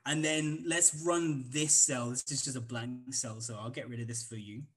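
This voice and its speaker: A man's voice: medium pitch, fairly even intonation, moderate pace, fairly bright tone, a little hiss or hum, poor audio. A man with a Welsh accent giving a casual live coding walkthrough at a conference, rambling with many ums and restarts. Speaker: conference instructor.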